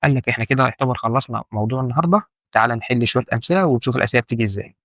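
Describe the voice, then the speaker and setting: A man's voice: mid-range voice, very fast, a bit bright, dry recording, muffled recording. A man with an Egyptian Arabic accent teaching an informal lesson, repeating key points and asking the listener questions. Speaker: medical terminology instructor.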